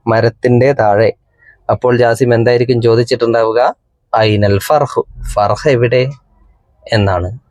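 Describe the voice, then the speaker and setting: A man teaching an Arabic exam paper, reading each line slowly and then translating it for young pupils. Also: mid-range voice, a little mellow, dry recording. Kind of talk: exam paper walkthrough lesson.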